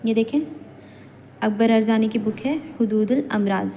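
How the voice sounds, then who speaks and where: Kashmiri-accented woman teacher, higher mellow voice, patient classroom lecture with long reverb and a faint hiss. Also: normal speed. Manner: patient, chatty teacher mixing Hindi and English. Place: college lecture room. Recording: hall reverb, faint background noise.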